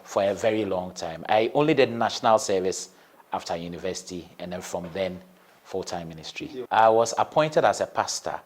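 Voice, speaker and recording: A man in his forties, a civil engineer turned pastor, carefully repeating his points in an interview. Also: sits low. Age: 40s. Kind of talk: testimony interview.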